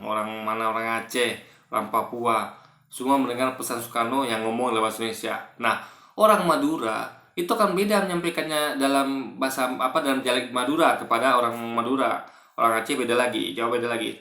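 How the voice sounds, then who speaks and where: A man's voice: medium pitch, bright, forceful tone, reverberant. A man giving casual commentary on a clip, explaining with long examples and often tagging "guys" onto his sentences.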